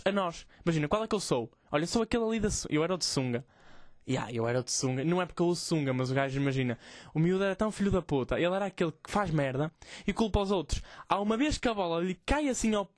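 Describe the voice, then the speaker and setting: Man, 20s, podcast host, rambling swearing storyteller, slightly high voice, dry sound. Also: no room sound. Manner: rambling, profane, self-mocking storytelling. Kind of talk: casual comic monologue.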